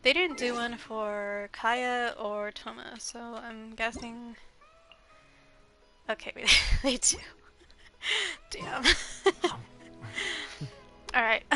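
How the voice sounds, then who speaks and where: Streaming a video game from home on a headset, a young woman rambles casually with lots of ums and giggles, sounding a little congested. Her fairly high voice is bright and forceful, with faint game music behind her.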